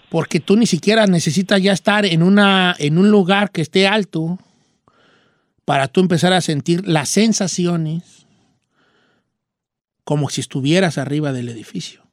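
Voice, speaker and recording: A man's voice: high-pitched, dry recording, clean studio sound, natural voice. A man putting on a folksy old rancher character with a Mexican accent, a radio host telling a rambling story and giving advice. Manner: rambling, folksy, full of rural slang. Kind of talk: storytelling and advice on a call-in show.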